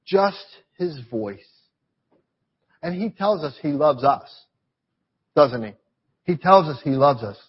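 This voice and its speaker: Husky-voiced man preaching a sermon. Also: a little high, takes it slowly, pauses often, lo-fi sound. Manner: animated preaching with repetitions and rhetorical questions. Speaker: pastor. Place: church.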